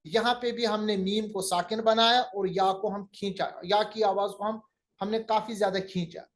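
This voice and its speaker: A man teaching Quranic recitation in a recorded lecture, explaining each sound step by step and demonstrating it slowly. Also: high-pitched, fairly even intonation.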